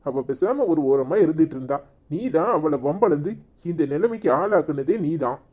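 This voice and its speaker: A man's voice: fairly high pitch, expressive, normal speed, dark tone. A man voicing a scolding village husband torn between two wives, with a Tirunelveli Tamil accent. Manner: scolding, name-calling. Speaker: voice actor in a cartoon comedy. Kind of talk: village cartoon drama.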